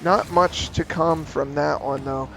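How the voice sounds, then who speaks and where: A man calling esports play-by-play, giving a brisk, steady account of the action. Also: a little high, gravelly, slight background noise. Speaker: play-by-play caster.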